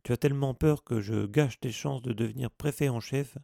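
A man's voice: medium pitch, moderate pace, creaky, mellow, dry recording, studio quality, voice pushed up. A man voicing a hot-headed teenage boy who argues back defiantly. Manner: heated, defiant.

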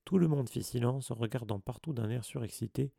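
A man narrating a storybook aloud in a measured, deliberate manner. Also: mid-range voice, gravelly, warm tone, breathy edge, dry recording, clean studio sound. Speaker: audiobook narrator.

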